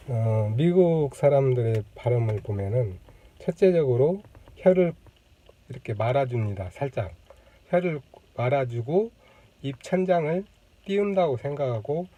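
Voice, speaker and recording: A man speaks straight to the camera as host of his own channel, explaining at an easy pace. His voice is very dark and mellow, with a middling pitch. He pauses often, fills the gaps with "uh" and "um," and acts out the sounds he describes. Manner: thoughtful, many fillers, demonstrates sounds. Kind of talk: casual explanatory talk to camera. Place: indoors on a lunch break. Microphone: camera mic.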